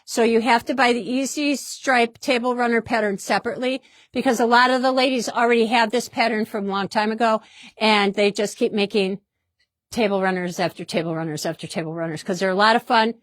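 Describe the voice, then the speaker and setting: Showing off products in a fabric shop, this woman talks a little fast in a somewhat high, upbeat voice with a steady tone. Her manner is casual and chatty, often repeating herself. The sound is close and dry, with no room sound.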